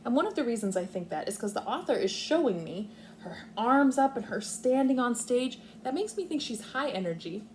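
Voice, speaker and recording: Leading a read-aloud lesson for little kids, this kindergarten teacher briskly explains her reasoning one step at a time. She has a lively, varied pitch, and the recording carries some faint background noise.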